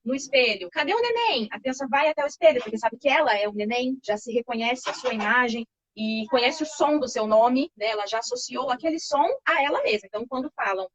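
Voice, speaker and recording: A woman, calmly explaining baby development as an interview guest, reassuring and patient, often checking in with tag questions. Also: a little high, a little fast, hardly any pauses. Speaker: child development expert guest. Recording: slightly muffled lo-fi recording.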